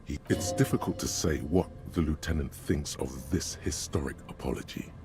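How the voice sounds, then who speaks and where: An actor narrating a video game in a measured, dry scripted delivery. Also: male voice, a bass voice. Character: grave, all-knowing male game narrator. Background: game music.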